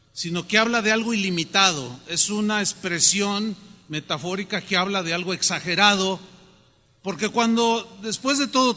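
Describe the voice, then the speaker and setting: A man preaching a sermon, animated and often questioning the congregation. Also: sits high. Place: church hall. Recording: long hall reverb.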